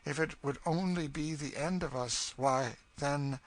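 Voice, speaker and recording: A man's voice: a little high, unhurried, a little hiss or hum, voice pushed up, close to an everyday voice. A man voicing a bitter, despairing older woman in a storybook, with a fatalistic and emphatic delivery.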